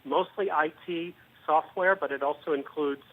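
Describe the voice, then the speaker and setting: A man being interviewed as a guest analyst on a business news show, explaining at a measured pace with some fillers. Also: fairly high pitch. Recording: tinny phone-line audio.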